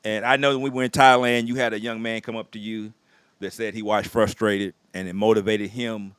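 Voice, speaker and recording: A man's voice: fairly low pitch, flat delivery, a little fast, fairly bright tone, clean tone, no echo. A man hosting a casual chat in an easygoing way, often affirming his guests. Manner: easygoing, affirming with frequent yeahs. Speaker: host.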